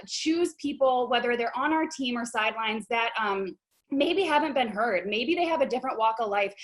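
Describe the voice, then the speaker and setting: A bubbly young woman hosts a casual video call, talking through a computer mic. Her voice sits a little high, and her chatter is excited and full of fillers. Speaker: host of a business video call. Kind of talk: casual livestream talk.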